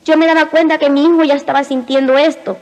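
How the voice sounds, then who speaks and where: High-pitched woman giving an emotional church testimony in short, halting phrases, heard in a reverberant hall. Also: fairly even intonation, darkish tone. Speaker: testimony speaker. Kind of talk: spoken religious testimony.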